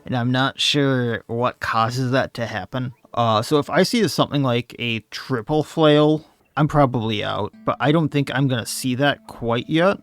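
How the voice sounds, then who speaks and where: A man's voice: medium pitch, unhurried, dry recording. A man, slightly losing his voice, commenting casually on his own gameplay and thinking aloud as he plays. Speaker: let's play host.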